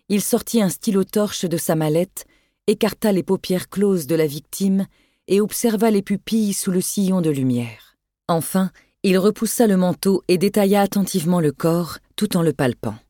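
A narrator reading a thriller in a measured, steady manner at a mid pitch. The recording is dry and close, with no room sound. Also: no room sound. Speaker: audiobook narrator.

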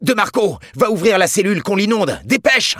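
A man's voice: lowish voice, moderate pace, a little mellow, no room sound, studio quality, pitched above the performer's own voice, natural voice. A man voicing a frantic male prison team chief who barks urgent orders.

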